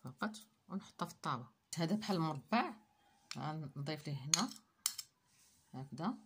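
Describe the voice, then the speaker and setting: Low-voiced Moroccan woman showing a recipe. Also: expressive, brisk, a little hiss or hum. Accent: Moroccan Arabic. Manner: talks viewers through each step while working, short phrases. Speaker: cooking channel host. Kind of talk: step-by-step cooking demonstration.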